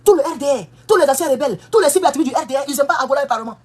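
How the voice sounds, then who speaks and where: An American political commentator delivers an impassioned monologue, emphatic and scolding, rattling off rhetorical questions. Her voice sits high with lively intonation and a slightly mellow quality, and she speaks very fast.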